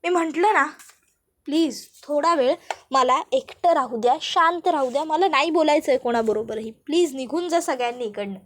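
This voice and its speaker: A woman's voice: sits high, moderate pace, a bit bright, a little hiss or hum. Woman doing a curt, exasperated young man.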